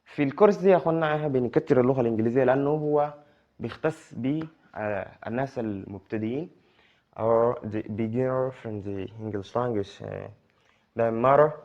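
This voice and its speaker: A man teaching English letter sounds to beginners, spelling them out slowly and repeating each sound. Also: mid-range voice. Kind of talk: beginner pronunciation lesson. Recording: dull lo-fi sound.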